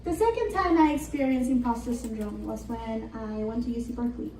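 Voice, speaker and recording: High-voiced woman speaking in a roomy hall. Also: fairly quick, dark tone, far from the mic, slight background noise. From Argentina. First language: Spanish. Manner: earnest and reflective, with light laughs. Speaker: conference speaker. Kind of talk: prepared motivational talk. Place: conference hall.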